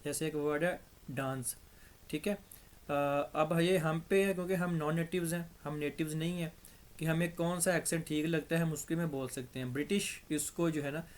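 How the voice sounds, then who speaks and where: A man's voice: fairly high pitch, steady tone, normal speed. A man with a Pakistani accent giving a patient, step-by-step grammar lesson, his throat a little dry. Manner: patient, step-by-step explaining, repeats examples. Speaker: English teacher.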